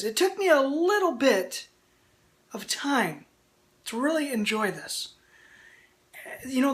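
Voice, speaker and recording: High-voiced woman reviewer talking with lip packed. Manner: talking with a nicotine pouch tucked in the upper lip. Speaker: product reviewer. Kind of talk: casual video review.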